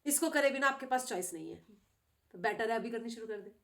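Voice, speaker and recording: Middle-aged woman with a high voice teaching scripture, keeps checking with students, lively. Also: quick pace. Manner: animated, questioning students with frequent tag questions. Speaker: spiritual teacher. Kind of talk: devotional scripture class.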